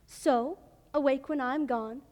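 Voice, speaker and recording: A woman's voice: sits high, a little mellow. A woman playing the mischievous fairy sprite Puck in a school stage play, gasping and taking her time over each line. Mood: sly. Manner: breathy gasps, slow storytelling delivery. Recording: stage mic with hall reverb.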